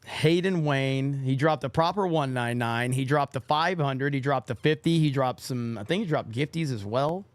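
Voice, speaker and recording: In a dry recording, a young male host of a casual livestream podcast reads viewer donations aloud and curses offhandedly. His pitch is medium, his pace moderate, with few pauses.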